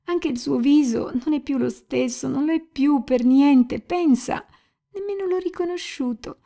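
A woman's voice: sits high, unhurried, dark tone, pitched above the performer's own voice. A woman reading an audiobook and voicing a passionate, tearful young woman with a pleading, emotional manner. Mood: anguished.

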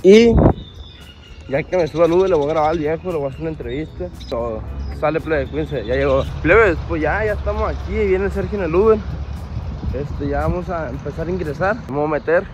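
A man's voice: fairly high pitch, fast, over music. A young man vlogging outdoors on his phone, rambling in slang and sounding half asleep. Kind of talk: casual vlog. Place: outdoors at a cemetery. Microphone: handheld phone camera.

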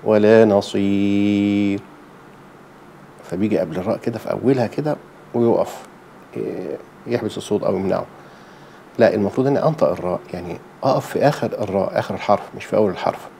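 A man's voice: on the low side, rapid-fire, gravelly, dark tone, a little hiss or hum. A middle-aged man with an Egyptian accent, teaching Quran recitation patiently step by step and posing rhetorical questions as he goes. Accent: Egyptian Arabic. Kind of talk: explanatory lesson.

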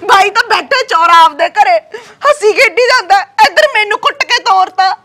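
A woman's voice: very high-pitched, a little fast, a bit bright. A woman with a Punjabi accent playing a tearful married sister who wails and quarrels with her sister-in-law. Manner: wailing, quarrelsome. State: crying. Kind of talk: Punjabi web-series acting.

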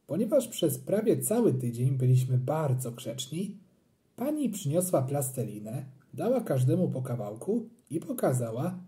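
An audiobook reader narrating a children's story in an animated, playful way. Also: mid-range voice.

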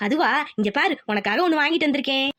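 A woman voicing a bossy, scheming village mother-in-law in a cartoon, talking quickly and insistently. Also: high voice, animated, fairly bright tone. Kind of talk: cartoon voice acting.

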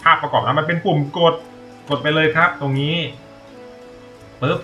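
A man's voice: a little high, normal speed, bright, forceful tone, muffled recording, soft background music. A man giving casual, rambling gameplay commentary as a tutorial streamer, thinking aloud and swearing now and then.

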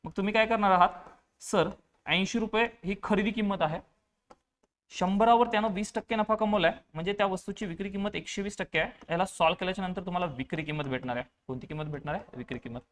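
A man teaching an online math lesson in a fairly high voice. He explains patiently step by step and often says a phrase twice. He poses questions to his students and answers them himself. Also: fast talker, fairly bright tone. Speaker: exam-prep teacher.

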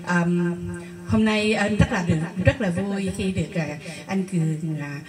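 A woman's voice: medium pitch, unhurried. A woman singer telling a funny story to a livestream audience, chatty and laughing often as she acts out the voices. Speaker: guest singer.

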